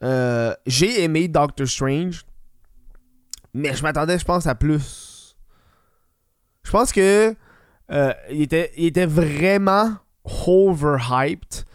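A Quebec-accented man with a fairly high voice chats as a solo podcast host. His talk is informal and sweary, sprinkled with English slang. The recording is dry, free of room echo. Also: takes it slowly, long pauses, smooth. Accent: Quebec French. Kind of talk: casual podcast chat.

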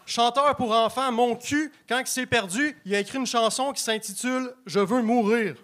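A man doing a stand-up set of deadpan one-liners. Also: extremely high pitch, moderate pace, slight background noise. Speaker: stand-up comedian.

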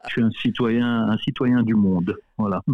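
A man's voice: fairly low pitch, fairly even intonation, moderate pace, no echo. A man from Belgium, a guest soccer coach in a casual radio interview, talking hesitantly with many repeated words and fillers. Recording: tinny phone line.

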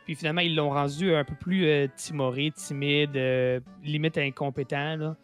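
A man's voice: fairly high pitch, steady tone, normal speed, soft background music. Chatty Québécois man reviewing an episode. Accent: Quebec French. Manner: rambling, repeats words, many fillers. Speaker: podcast host. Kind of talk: casual chat reviewing a series.

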